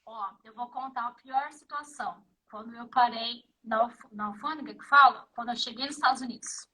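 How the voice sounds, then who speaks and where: A Brazilian woman in her fifties with a Brazilian Portuguese accent and a notably high voice. As an interview guest she tells her stories with energy and acts out every exchange herself. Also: a little fast, slightly rough, rough recording. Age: 50s. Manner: animated storyteller who acts out the dialogue. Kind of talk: casual interview chat.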